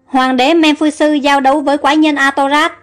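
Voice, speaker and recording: Rich: A woman with a high, light voice narrates a tale, reading every character's lines herself. Soft music plays faintly behind her. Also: little pitch movement, a little fast. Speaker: storyteller. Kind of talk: scripted story narration.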